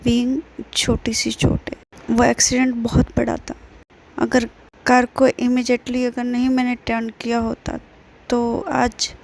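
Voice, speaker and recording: A woman voicing an injured young man who gently and anxiously questions his friend. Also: a little high, completely flat delivery, a little slow. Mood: gently bitter.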